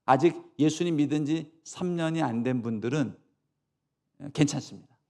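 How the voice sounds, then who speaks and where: A middle-aged man, a senior pastor preaching a sermon, who jumps from loud dramatic scripture quotes to soft asides and leads the congregation in repeating lines. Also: on the high side, normal speed.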